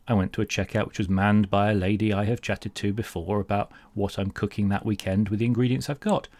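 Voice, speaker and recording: A British man with a fairly low voice performs a humorous monologue. He rants with exasperated sarcasm and grandiose, mock-pompous phrasing. The sound is close and dry. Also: a little mellow, dry recording. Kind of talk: comedic rant monologue.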